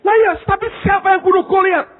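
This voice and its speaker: Cameo: a preacher putting on an exasperated stern pastor, high and loud, tinny phone-like line. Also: male voice, level tone, a little fast. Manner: exasperated, shouting. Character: stern angry older male pastor.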